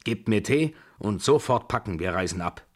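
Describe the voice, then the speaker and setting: A man voicing an imperious, quick-tempered old grandmother in a radio drama reading, scolding and giving orders. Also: low voice. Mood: commanding. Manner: scolding, commanding, abrupt.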